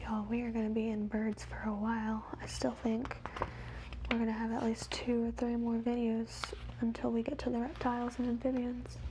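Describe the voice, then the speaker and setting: A woman whispers wildlife facts in a soft, measured ASMR reading, as quietly as someone watching animals. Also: on the high side, monotone, noisy background. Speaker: ASMR host.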